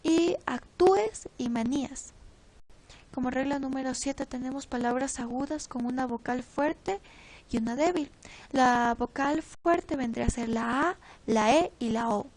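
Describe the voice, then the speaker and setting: A teenage girl reading a class presentation from notes, pausing and stumbling over words now and then. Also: sits high, low-quality recording. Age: teens. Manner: reads from notes with pauses and slips. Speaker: student presenter.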